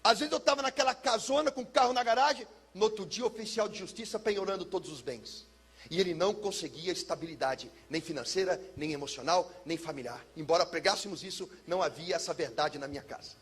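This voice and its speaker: Gravelly high-voiced pastor. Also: male voice, fast. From São Paulo, Brazil. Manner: dramatic storyteller, drops low and soft for heavy moments. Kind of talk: personal testimony sermon.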